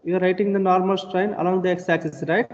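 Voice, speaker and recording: A man's voice: sits high, little pitch movement, fast. Man lecturing over a lo-fi call. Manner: repetitive explanatory teaching, asks rhetorical questions. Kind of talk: online engineering lecture. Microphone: video call. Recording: dull lo-fi call audio with long reverb.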